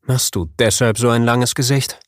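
A man's voice: medium pitch, steady tone, moderate pace, no echo, close to an everyday voice. A man voicing a cocky young friend who teases and gloats, in a dry audiobook reading. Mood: curious. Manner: teasing, gloating.

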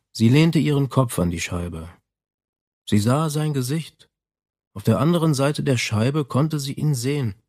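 A man reading a story aloud in a calm, even narrating manner. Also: medium pitch, breathy edge, dry recording, clean studio sound. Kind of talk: scripted audiobook narration.

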